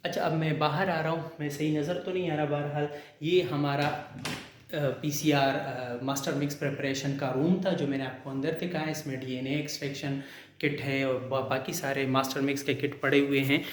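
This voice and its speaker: Man, fairly high voice, casual lab walkthrough, very echoey room, faint hum. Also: normal speed. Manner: relaxed, repeats "theek hai na", explains step by step. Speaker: lab tour guide. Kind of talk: casual explanatory lab tour. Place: research lab, indoors.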